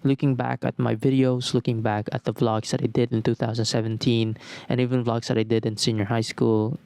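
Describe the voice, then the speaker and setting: A man's voice: mid-range voice, flat delivery, a little fast, creaky, a little mellow, smooth, no echo. A young man in his twenties hosting a podcast alone, talking reflectively and repeating phrases in lists as he thinks aloud. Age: 20s. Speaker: podcast host. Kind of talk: reflective solo talk.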